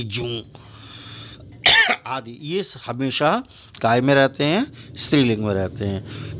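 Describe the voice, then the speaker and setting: Male schoolteacher explaining grammar, patient and deliberate, lists examples one by one; dull, muffled recording. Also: mid-range voice. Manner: slow, deliberate listing of example words; repeats "है ना" to check understanding. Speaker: teacher. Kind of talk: grammar lesson.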